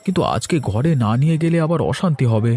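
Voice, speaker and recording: In a Bengali animated cartoon, a man voices a stingy, grumbling middle-aged village father, speaking in a dismissive, complaining way. He talks fast in a slightly high voice.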